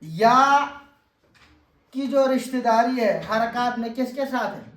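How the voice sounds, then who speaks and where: A man's voice: very high-pitched, animated, slow pace, a bit bright. A male grammar teacher giving a classroom lesson and quizzing his student with repeated questions. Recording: echoey room, voice from a distance.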